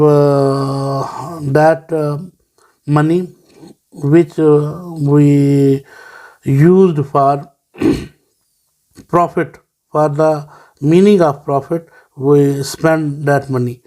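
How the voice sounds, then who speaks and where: Slow, patient Pakistani male teacher. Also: on the high side, dark tone. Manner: slow, patient, reads English definitions word by word. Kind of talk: classroom lesson explaining to children.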